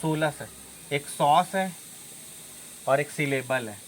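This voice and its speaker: A man's voice: fairly high pitch, slow, slight background noise, rough recording. Repetitive Hindi exam-prep teacher man. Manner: explains step by step, often repeating and checking with "okay".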